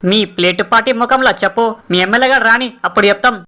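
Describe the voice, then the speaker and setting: A woman's voice: a little high, sharp tone. A woman playing a fierce, foul-mouthed village woman who scolds a campaigner, speaking in a Telangana Telugu accent. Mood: angry scolding. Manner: abusive, rapid-fire scolding.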